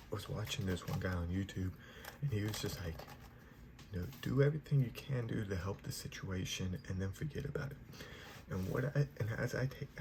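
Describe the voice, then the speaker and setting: A young man giving a whispered ASMR pep talk in a soft, reassuring manner. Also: on the low side. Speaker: ASMR creator giving positive affirmations. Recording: noisy, clear background hiss.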